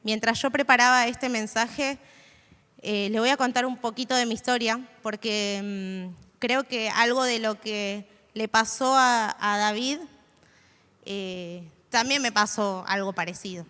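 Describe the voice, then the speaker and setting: Young woman giving a chatty church talk, kinda high voice, lots of ums, big echoey hall. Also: unhurried, pushed and bright, smooth. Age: 20s. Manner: hesitant and conversational, with frequent fillers and restarts. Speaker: youth church speaker. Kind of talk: informal sermon to a live audience. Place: stage in a hall before an audience. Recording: long hall reverb.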